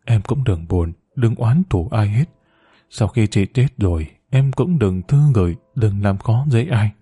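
A man voicing a dying woman in an audiobook story, soft and breathless as she pleads. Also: medium pitch, animated, normal speed, slightly rough, no room sound. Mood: tender. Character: dying woman, gentle and insistent.

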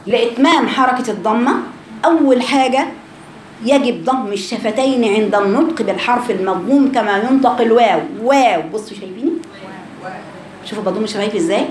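A woman's voice: on the high side, quick pace. A woman with an Egyptian accent teaching Quran recitation. She explains the rounded vowel, sounds it out to show it, and quizzes her students. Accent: Egyptian Arabic. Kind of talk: Egyptian Arabic lesson with spoken sound demonstrations. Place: recorded class session. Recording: echoey room with background noise.

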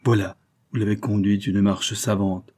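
A man narrating a classic novel as an audiobook in a measured, dramatic way. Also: fairly low pitch, little pitch movement, warm tone.

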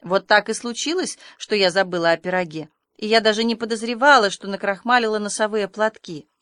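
A woman's voice: medium pitch, steady tone, fairly quick, fairly bright tone, no echo, close to an everyday voice. A woman reading the part of an imaginative, chatty orphan girl who pours out her thoughts in long, effusive runs. The sound is close and dry. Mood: contrite. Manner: breathless, effusive storytelling.

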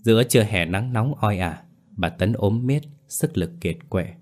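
Male horror narrator, very low and heavy voice, grave dramatic delivery. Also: animated, unhurried, a little mellow. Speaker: storyteller. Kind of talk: scripted horror story narration.

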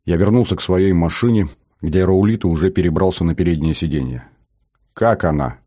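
A male audiobook narrator with a very low, dark voice, reading in a steady, measured first-person style. He is close to the mic in a dry room with no reverb.

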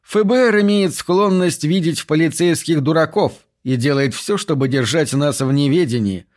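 A man voicing a mannered, pompous police captain with a squeaky voice and a falsely hearty, condescending manner. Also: moderate pace, a little mellow, natural voice.

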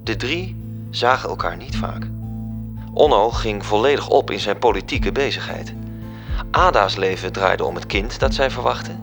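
In a radio drama, a male actor plays a measured, wry storyteller reading scripted literary narration. His voice is on the low side, animated and creaky, with music in the background.

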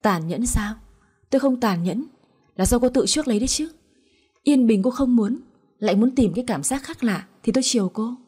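A woman voicing a cold, vengeful husband who speaks harshly and with scorn, in a soft, somewhat breathy voice. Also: a little high, lively intonation, moderate pace. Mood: furious. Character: cold, vengeful husband, a man in his thirties.

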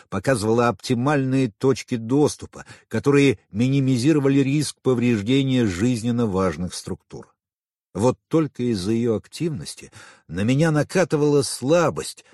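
A man reading a novel aloud in first person, with a dramatic, expressive delivery. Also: lowish voice, no room sound, studio quality. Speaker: audiobook narrator. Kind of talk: scripted first-person narration.

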